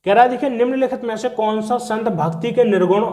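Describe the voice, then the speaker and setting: A man's voice: very high voice, quick pace, mellow. A man teaching an exam-prep grammar lesson, explaining step by step and answering his own questions.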